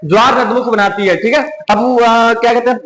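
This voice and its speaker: A man's voice: extremely high pitch, steady tone, a little fast, a bit bright, slight background noise. A man with a Hindi accent teaching an exam-prep lesson, repeating each question and answering it himself. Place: coaching classroom. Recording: echoey room.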